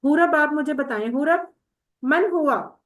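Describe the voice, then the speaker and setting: A woman's voice: sits high, takes it slowly. A woman teaching an online class, patiently explaining step by step and quizzing her students.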